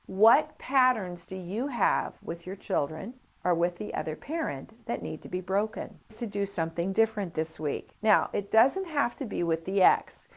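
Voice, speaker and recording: At normal speed and with few pauses, a medium-pitched woman with vocal fry instructs a coparenting class. Her lively lesson is built on anecdotes, which she tells animatedly while acting out what people said.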